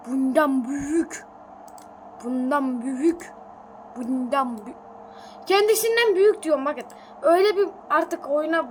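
A woman talks her viewers through a game in an excitable, chatty way. Her voice sits high and swings widely in pitch. She sounds a little sick, and faint noise hums behind her. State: sick, coughing. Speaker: gaming video creator. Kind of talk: casual gameplay commentary.

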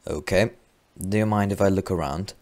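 Measured, courteous railway boss, played by a man, deep pitch, amateur drama. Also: darkish tone. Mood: polite, businesslike. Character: polite, measured male railway manager. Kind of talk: amateur train drama acting.

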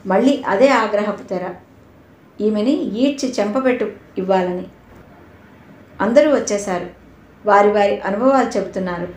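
A woman's voice: medium pitch, darkish tone. Woman narrating an audio novel. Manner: measured storytelling. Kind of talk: scripted narration. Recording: roomy echo.

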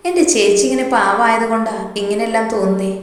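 A woman's voice: a little high, fairly even intonation, quick pace, close to an everyday voice. A woman voicing a caring younger girl who firmly urges her cousin to flee, in a spoken story. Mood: urging. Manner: warm, urging and reassuring. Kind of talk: storytelling voice acting. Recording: very echoey room, long reverb.

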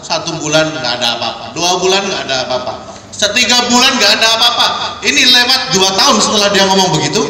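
A man's voice: on the high side, pushed and bright, slight background noise. A young man giving an earnest, repetitive motivational seminar talk to students in a large hall. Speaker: seminar speaker. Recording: echoey hall from far off.

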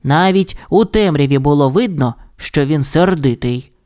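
A man narrating a children's audiobook story in an expressive, playful way. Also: a little high, moderate pace. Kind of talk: audiobook fairy tale narration.

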